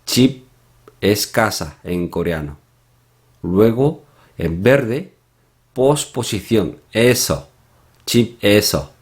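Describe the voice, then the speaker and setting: Slow, deep-voiced language teacher. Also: male voice, lively intonation. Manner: slow, deliberate explaining with pauses and soft hums. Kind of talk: slide-based language lesson.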